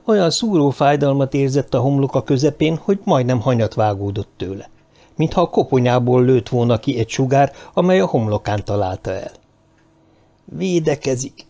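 Lively, mellow male audiobook narrator. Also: mid-range voice. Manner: expressive storytelling. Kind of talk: scripted narration.

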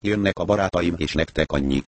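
A sly, mocking trickster hiding behind a spirit's mask, with an eerie, preachy way of taunting, as a male narrator plays him. The voice runs low, and the recording is close and dry. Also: no echo, natural voice.

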